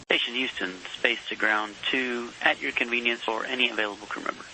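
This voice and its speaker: A man's voice: mid-range voice, steady tone, brisk, pushed and bright, slight background noise, low-quality recording. A man working as a mission control communicator, giving procedural but conversational messages over a space radio link. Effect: space radio transmission.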